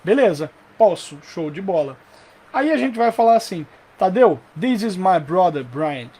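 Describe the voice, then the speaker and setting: Animated Brazilian man teaching English. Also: sits high, husky. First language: Portuguese. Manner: animated, repeats example phrases slowly. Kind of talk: online English lesson.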